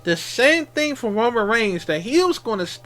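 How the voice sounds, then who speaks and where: A man giving a casual off-the-cuff wrestling recap as a fan, halting and repetitive, with slangy exclamations. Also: very high voice, sing-song, fairly bright tone, soft background music.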